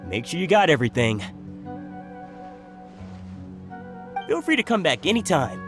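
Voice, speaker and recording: An actor playing a jovial, generous food merchant in a video game, hospitable and teasing. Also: male voice, a little high, wildly swooping pitch, fast talker, music in the background. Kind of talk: video game character acting.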